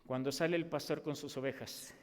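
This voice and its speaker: A man with a Mexican accent preaching a sermon as pastor, animated and acting out the voices he quotes. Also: a little high, a little fast. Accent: Mexican Spanish. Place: church. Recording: long reverb of a church hall.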